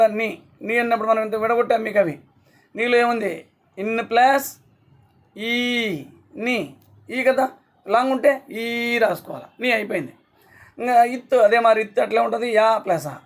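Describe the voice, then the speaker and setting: A man teaching a class online, sounding out syllables slowly and often checking that students follow. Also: high voice. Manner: slow syllable-by-syllable explaining, frequent checks.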